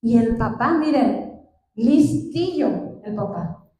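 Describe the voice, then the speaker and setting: High-voiced woman preaching in echoey hall. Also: lively intonation, slow pace, warm tone. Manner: retells the story, asking the congregation questions. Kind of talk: storytelling sermon. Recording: echoey hall, distant mic, faint noise.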